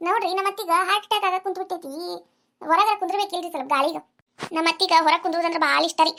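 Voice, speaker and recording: A woman's voice: extremely high pitch, steady tone, a bit bright, a little hiss or hum. A woman with a North Karnataka Kannada accent voicing a scheming young daughter-in-law in a cartoon, whiny and melodramatic. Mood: fretful. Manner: whiny, melodramatic, fast rural chatter. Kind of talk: cartoon voice acting.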